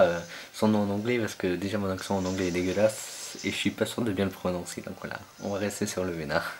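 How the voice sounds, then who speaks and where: A man's voice: on the low side, a little hiss or hum. A young man commentating his own online battle game match, hesitant and full of fillers as he searches for names.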